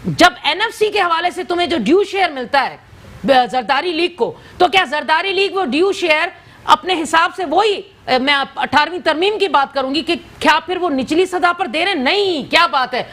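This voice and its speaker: A woman's voice: very high-pitched, lively intonation, a bit bright. A woman from Sindh, a political guest in a TV studio, arguing insistently and talking over the host in a heated debate. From Sindh, Pakistan. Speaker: political guest on a TV talk show.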